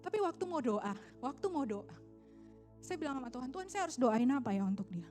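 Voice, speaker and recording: Woman preacher, sermon, emotional storytelling, somewhat high voice, soft music behind. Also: sing-song, a little fast. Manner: emotional storytelling, quotes friend and God in changed tones. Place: church stage.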